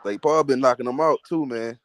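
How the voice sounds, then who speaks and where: A man in the middle of the usual pitch range co-hosts a podcast and gives his opinions bluntly. He talks in heavy slang and swears freely. The recording is dry, with no room sound. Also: fairly quick, dry recording. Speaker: podcast co-host. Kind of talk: casual chat.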